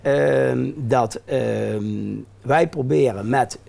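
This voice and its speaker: A man's voice: medium pitch, drawn-out words, vocal fry, crowd noise. A man as a guest on a local TV talk show, explaining his care initiative hesitantly with many filler sounds. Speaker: guest, care company founder.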